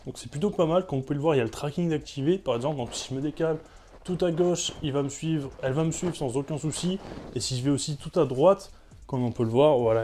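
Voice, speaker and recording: A man's voice: a little high, mellow, slight background noise. A man presenting a product review vlog in a chatty way, with frequent fillers. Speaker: tech reviewer.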